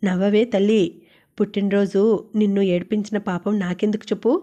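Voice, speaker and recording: Woman reading as playful young roommate, teasing, mellow even voice. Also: medium pitch, fairly quick, highs cut off, natural voice. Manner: teasing, fussing.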